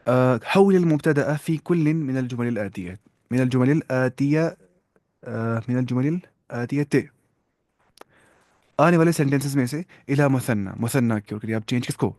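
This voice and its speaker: Here a man with a mid-range, slightly mellow voice teaches Arabic, asking his students questions with patience and complimenting their answers, his explanations sprinkled with English. There's no room sound, and the studio-quality recording suits this classroom-style lesson.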